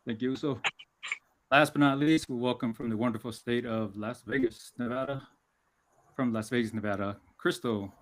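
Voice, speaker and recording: Host, male, from American Samoa, formal and measured, mid-pitched, video-call sound. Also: fairly even intonation. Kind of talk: hosting an online panel.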